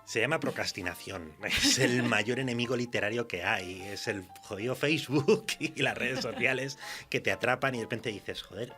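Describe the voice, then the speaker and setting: In a casual literary interview, a man from Spain talks about his writing through anecdotes, loose and colloquial, with a bit of mild swearing. He laughs while speaking, in a medium-pitched, fairly bright voice.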